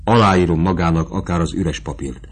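A man reading the part of a passionate, anxious young prince in an audiobook, in an earnest, pleading manner. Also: low-pitched.

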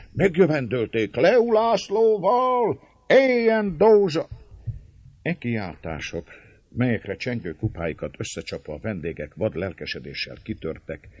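A man narrating an audiobook in an expressive storytelling manner. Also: rumbling low, husky, dry recording, muffled recording. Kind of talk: audiobook narration of a historical novel.

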